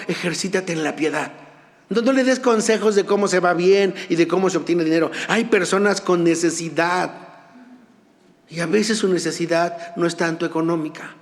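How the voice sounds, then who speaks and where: Impassioned preacher, high voice, echoing church. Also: male voice. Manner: impassioned preaching, swinging from loud urgent peaks to soft low asides. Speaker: pastor. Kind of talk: sermon. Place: church sanctuary.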